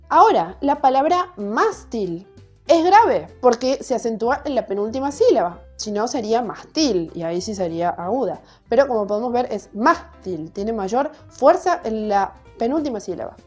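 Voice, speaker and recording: Brief: young Argentine woman, fairly high voice, patient teacher, soft music underneath. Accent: Argentine Spanish. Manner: patient, explanatory, asks and answers her own questions. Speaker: teacher explaining Spanish accent rules. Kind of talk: casual spoken lesson.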